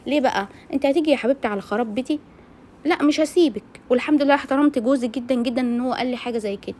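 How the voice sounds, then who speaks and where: With a high, darkish voice and a very fast delivery, an Egyptian-accented woman chats casually as she cooks in her kitchen. The cooking vlogger addresses her female viewers bluntly and directly.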